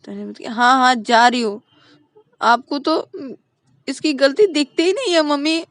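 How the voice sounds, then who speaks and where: A woman voicing a bratty teenage girl who complains in a shrill, tearful way. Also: brisk, a little mellow, no echo, natural voice. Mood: sulky.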